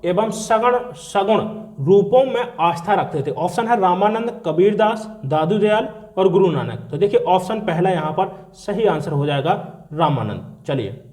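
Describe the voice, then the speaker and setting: A man's voice: high-pitched, expressive, normal speed, darkish tone. A man teaching an exam-prep grammar lesson, explaining step by step and answering his own questions.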